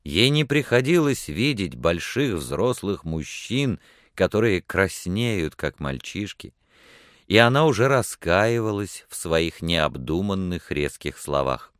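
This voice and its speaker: Male audiobook narrator, very low and smooth, dry close sound, steady reading. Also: takes it slowly, dry recording.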